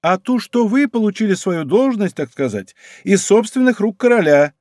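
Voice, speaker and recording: A man's voice: high voice, expressive, moderate pace, a little mellow, no echo, studio quality, pitched above the performer's own voice. A man voicing a sly, timid, middle-aged fortress commandant who complains in a plaintive, wheedling way.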